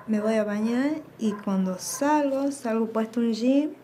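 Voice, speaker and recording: A woman with an Argentine accent giving personal testimony, recounting events by quoting dialogue in a low, subdued way. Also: measured pace, dark tone, slight background noise. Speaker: interviewee.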